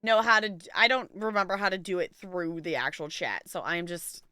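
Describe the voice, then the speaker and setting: A woman with a lowish, bright voice speaks a little fast in a forceful, clean tone with no echo. She hosts a livestream, chatting casually with viewers and thinking aloud in a rambling way as faint music plays.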